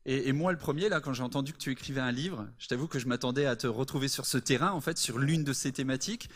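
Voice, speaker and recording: A man's voice: mid-range voice, quick pace. A man hosting a live interview at a church service, introducing and questioning a guest enthusiastically. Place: church service before a congregation.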